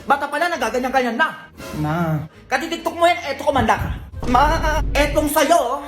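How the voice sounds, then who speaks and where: A woman's voice: high voice, animated, brisk. A woman acting out a comedic family sketch, switching between a nagging mother and her child, over background music in an echoey room. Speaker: comedy skit creator. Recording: roomy echo with background music.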